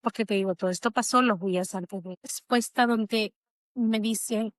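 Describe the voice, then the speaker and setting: A woman's voice: medium pitch, moderate pace, dry recording. Reflective woman recounting her grief. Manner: reflective, emotional storytelling. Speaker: interview guest. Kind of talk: conversational interview.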